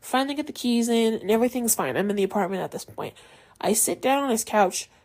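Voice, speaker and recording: A woman's voice: on the high side, lively intonation, quick pace, darkish tone. A young adult woman hosting a podcast, telling a personal story in a casual, chatty way with many fillers. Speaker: podcast host.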